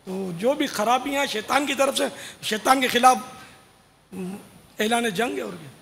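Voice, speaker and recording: A man's voice: very high-pitched, vocal fry, fairly bright tone. A man, a religious scholar, explaining and admonishing in a religious question-and-answer talk at a large gathering. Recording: long hall reverb, faint noise.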